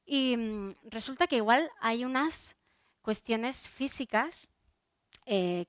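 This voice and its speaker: A Spanish woman, a soprano, gives a lively talk on stage into a microphone, her voice a little high. She talks straight to the audience in a chatty way, stopping and restarting her sentences. The sound is close and dry, with no room echo. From Spain. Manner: chatty, addresses the audience directly, many fillers and restarts. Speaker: soprano giving a public talk.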